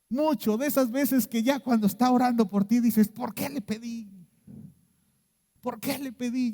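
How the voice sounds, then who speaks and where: Mexican pastor preaching slow, high mellow voice, long church reverb. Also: male voice. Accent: Mexican Spanish. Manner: storytelling, dips low and hushed to mimic a prophet, asks "¿sí?" often. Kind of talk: sermon.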